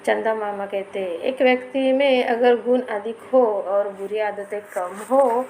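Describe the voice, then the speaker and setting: A woman's voice: mid-range voice, measured pace, mellow, slight background noise, poor audio. A woman teacher explaining a school story to children, reading each line and then repeating it with a question.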